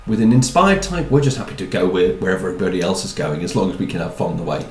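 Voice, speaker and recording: A man's voice: low voice, big pitch swings, very fast, darkish tone, roomy sound, a little hiss or hum, poor audio. A man giving a chatty talk on personality types, with wry asides and repeated words. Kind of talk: talk to an audience.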